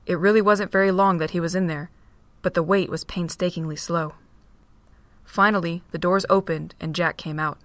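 A woman with a low voice narrates a fan-made audio drama in a steady, plain way at a moderate pace. The recording is dry and close, with no room sound or echo.

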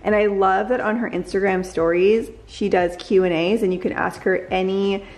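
A woman's voice: mid-range voice, fairly even intonation, moderate pace, darkish tone. A woman in her thirties chatting upbeat and gushing in a casual vlog try-on at home. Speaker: lifestyle vlogger. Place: bright living room at home. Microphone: camera in hand and mirror selfies.

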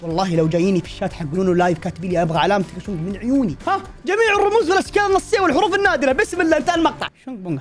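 A man in his twenties with a Saudi accent, reacting to videos about himself in casual, jokey commentary. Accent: Saudi Arabic. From Saudi Arabia. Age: 20s. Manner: excitable, jokey, swings between high and low tones.

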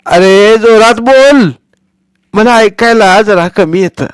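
A man voicing a kind, trusting old village grandmother who is hard of hearing and talks slowly and loudly. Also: sits high, smooth, no room sound, studio quality, voice pushed up. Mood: questioning. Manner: slow, loud, drawn-out and fussing.

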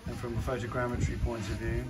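Out on a garden patio in the rain, a drone reviewer thinks aloud hesitantly during an informal demo commentary. He talks fast in a mid-range voice with a flat delivery. Background noise comes through clearly since it was recorded outdoors.

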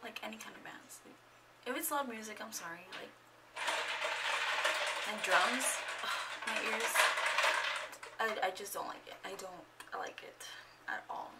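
A woman's voice: medium pitch, animated, unhurried, creaky, pauses often, recorded from a distance, heavy background noise. A young woman in her twenties chatting casually in a get-to-know-me vlog at home, rambling and a bit awkward, full of fillers. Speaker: vlogger. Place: at home indoors. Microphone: camera microphone.

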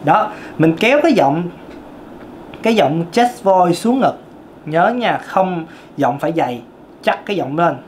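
A man's voice: on the high side, animated, a little slow, a little hiss or hum. A man with a Southern Vietnamese accent and a tenor voice, teaching a singing lesson as a vocal coach. He explains emphatically and repeats key points.

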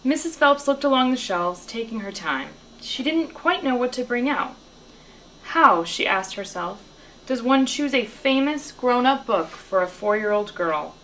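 A woman's voice: measured pace, slight background noise, poor audio. Woman reading a children's story aloud. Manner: lively storytelling, lifting her pitch for dialogue. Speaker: reader.

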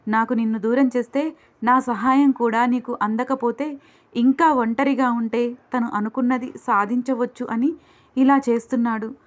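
A woman's voice: a little high, fairly even intonation, moderate pace, natural voice. A woman voicing a bewildered young husband who speaks in an earnest, pleading way. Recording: dull lo-fi recording.

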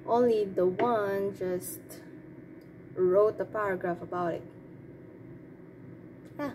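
A woman's voice: medium pitch, fairly even intonation, slow pace. A woman giving her opinions in a casual, off-the-cuff monologue, hesitant and rambling as she thinks aloud. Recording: clearly noisy background.

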